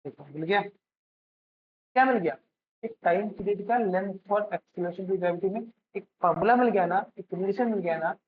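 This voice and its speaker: A man's voice: high voice, measured pace. A male physics teacher giving a lecture as he writes out a problem, often asking a question and answering it himself, checking in with his students and calling them by a fond term. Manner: calls students "beta" affectionately. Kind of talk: classroom-style lecture while writing out a problem. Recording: dull lo-fi recording with faint noise.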